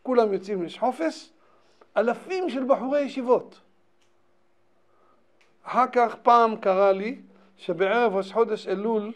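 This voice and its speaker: A man, a rabbi, giving a Torah lesson and telling a story in an animated way, repeating phrases for emphasis. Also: high-pitched. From Israel.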